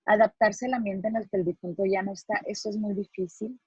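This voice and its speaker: A woman's voice: medium pitch, steady tone, brisk, a little mellow, slightly rough, dry recording, dull audio. A middle-aged woman from Mexico, a psychologist, giving an earnest, explanatory lecture to students and acting out the phrases she quotes.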